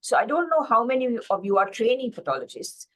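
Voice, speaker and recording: A woman's voice: fairly high pitch, very animated, fairly quick, fairly bright tone. A woman from Sri Lanka giving a slide-based pathology lecture, explaining steadily with frequent fillers and self-corrections over a video call.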